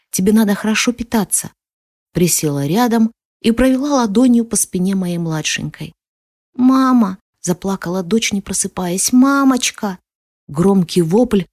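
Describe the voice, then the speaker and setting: A woman giving a measured, emotional first-person audiobook narration on a close microphone. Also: mid-range voice, mellow, dry recording.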